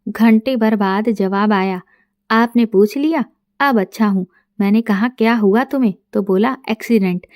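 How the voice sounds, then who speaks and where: A middle-aged woman narrating a first-person story in a soft, intimate way, quoting dialogue plainly. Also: mid-range voice, measured pace, no echo, clean studio sound.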